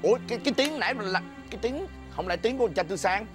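Comedy sketch: a Southern Vietnamese man as a fast-talking, flustered husband, music bed. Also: high voice. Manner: excitable, stammering, quick to protest. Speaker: comic actor playing a drinking husband.

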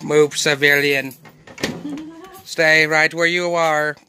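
A man voicing a bossy male robot police enforcer in a comedy skit, barking clipped, monotone commands. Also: a little high, slow pace, slight background noise, full character voice. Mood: commanding.

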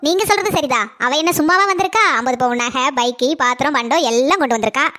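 A high-pitched woman with a Kanyakumari Tamil accent plays a nosy neighbor in comedic cartoon dialogue, telling street gossip with breathless eagerness. She speaks fast in a bright, forceful tone, captured in studio quality with no room sound.

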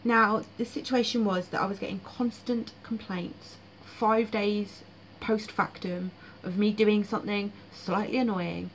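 A woman's voice: mid-range voice, fairly even intonation, unhurried, few pauses, poor audio. Frank woman with faint hiss. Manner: frank and blunt, with fillers. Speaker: dream vlogger. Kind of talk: casual spoken monologue.

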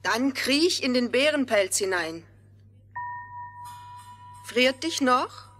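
An actress playing a regal, cold Snow Queen in a fairy-tale audio play, measured and commanding as she lures. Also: high-pitched, expressive, a bit bright, soft background music, full character voice. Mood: calm, commanding.

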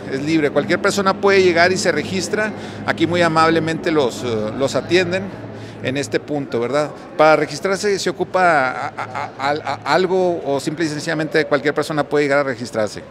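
Man, casual expo host, slightly high voice, busy hall noise around him. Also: moderate pace. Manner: chatty, relaxed, frequent fillers and restarts. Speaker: vlog host touring an electrical expo. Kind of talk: casual on-the-spot walkthrough and interviews. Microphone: handheld mic.

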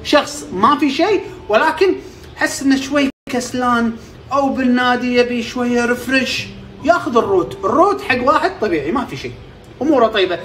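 A man's voice: very high-pitched, animated, fairly quick, a bit bright, faint music behind. A man with a Kuwaiti accent hosting a health-tips explainer, quizzing himself and repeating terms so they stick. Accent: Kuwaiti Arabic. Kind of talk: informal explainer.

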